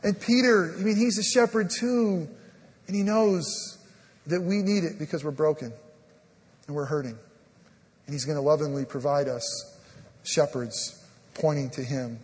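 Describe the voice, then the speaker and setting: A man preaching a sermon as pastor, animated, swinging between loud emphasis and a soft hush and acting out the scripture dialogue, with many "I mean" fillers. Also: a little high, a little slow, long pauses, in a large hall. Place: church sanctuary.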